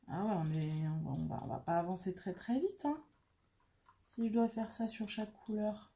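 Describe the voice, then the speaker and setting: A woman's voice: medium pitch, gravelly, dark tone, slight background noise. A woman chatting casually and mocking herself while she works on a craft, thinking aloud as she goes. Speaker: craft vlogger.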